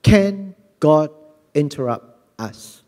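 A middle-aged man with a Singaporean English accent preaching a sermon on a church stage into a handheld mic, earnest and animated, often repeating words. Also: on the high side, drawn-out words. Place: large church hall on a stage. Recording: long hall reverb.

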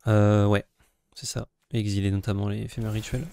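A man's voice: lowish voice, level tone, moderate pace, gravelly, dark tone, clear, resonant tone. A man playing a card game, thinking aloud and muttering his moves in casual chat. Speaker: player.

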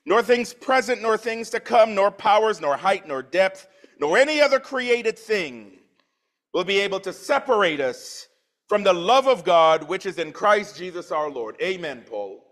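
A man's voice: high voice, very animated, unhurried, a bit bright. A man in his forties from Trinidad, preaching a sermon in church, reading scripture with swelling emphasis and dropping into plain conversational asides. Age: 40s.

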